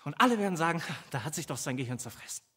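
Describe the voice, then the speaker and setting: An actor playing a devoted protective companion who imagines himself tiny and vengeful, speaking in a halting theatrical monologue that keeps stammering and repeating words. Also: male voice, on the high side, very animated, pushed and bright, slightly rough, in a large hall, exaggerated voice. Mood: menacing. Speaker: stage actor in a filmed play.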